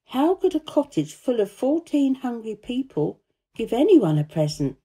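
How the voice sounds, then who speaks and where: A woman's voice: on the high side, very animated, normal speed, mellow, breathy edge, pitched above the performer's own voice. A woman voicing a contrary, well-bred little girl who speaks in a precise, self-possessed way, in a storybook reading. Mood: surprised.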